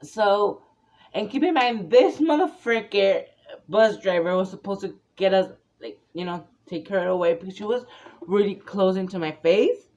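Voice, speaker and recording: A man's voice: high-pitched, expressive, normal speed, darkish tone. A young man in his twenties tells a story to camera in a loose, rambling way. He circles back and restarts his sentences often and fills the gaps with fillers. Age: 20s. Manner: rambling, lots of restarts and "you know". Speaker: vlogger. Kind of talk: storytime vlog.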